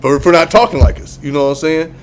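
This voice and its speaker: A man's voice: quick pace, slight background noise. Give me a rambling male podcast host. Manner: rambling, trails off and restarts, drops low to mumble. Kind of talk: casual podcast chat.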